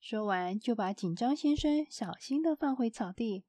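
A woman narrating a children's storybook in a gentle, expressive storytelling manner. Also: on the high side, moderate pace, dry recording.

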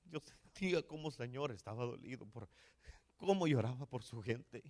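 A man, a pastor preaching a sermon and retelling a story, dropping to a hush and then surging upward on his exclamations. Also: mid-range voice, animated, normal speed.

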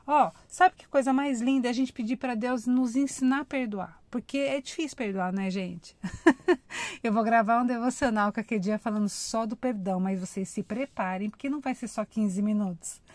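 A woman's voice: a little high, moderate pace, no echo. A woman giving an informal devotional talk, chatting with her listeners and acting out heartfelt prayers. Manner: warm conversational, addresses listeners as "gente"; acts out emotional prayers. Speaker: devotional speaker.

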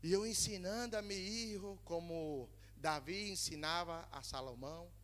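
High, bright-voiced male pastor preaching. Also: normal speed. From Brazil. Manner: mixes Spanish words into Portuguese, calls on the congregation. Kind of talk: sermon. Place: church in Spain. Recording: long reverb of a church hall.

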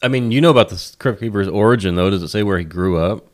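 A young man with a very deep voice hosting a casual podcast. He is laid-back and chuckles easily. He walks his co-hosts through the story at an easy pace. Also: fast. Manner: laid-back, laughs often, narrates the episode. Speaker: podcast host. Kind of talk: casual chat.

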